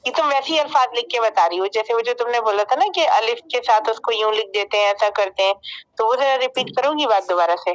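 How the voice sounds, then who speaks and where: A woman's voice: fairly high pitch, rough recording. Woman student asking for repeats. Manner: asks for repeats, tries the sounds back. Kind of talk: casual practice and questions.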